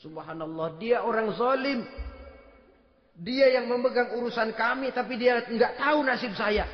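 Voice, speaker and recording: A man's voice: extremely high pitch, measured pace, voice pushed up. A poor mother pleads and complains in a plaintive voice, as a preacher puts her on. The sound is roomy with long reverb. It comes through as a dull lo-fi recording. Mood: complaining. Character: poor, desperate mother, middle-aged woman. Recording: echoey hall, dull lo-fi archive.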